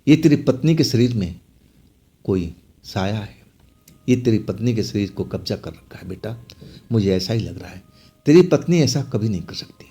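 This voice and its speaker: A man voicing a worried older village mother who pleads and scolds in an anxious, hushed way in a horror story. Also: lowish voice, animated, normal speed, pauses often, breathy edge. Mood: fearful hushed.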